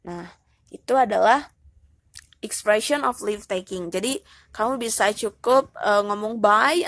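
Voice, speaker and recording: A woman teaching English in a relaxed, casual way, explaining step by step and dropping in English phrases. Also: fairly high pitch, no room sound.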